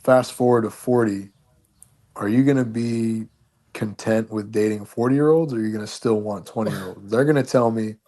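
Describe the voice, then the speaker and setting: A man's voice: lowish voice, normal speed, warm tone. A man hosting a casual debate, building probing questions step by step. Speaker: host.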